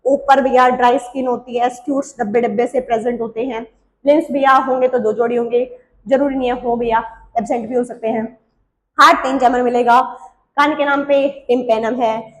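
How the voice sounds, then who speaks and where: High-voiced woman teacher drilling students. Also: fairly even intonation, reverberant. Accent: Hindi. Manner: quizzes students with quick questions and answers herself, calls them beta and bhaiya; uses playful memory tricks and little stories. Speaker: biology teacher. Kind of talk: exam-prep biology lesson.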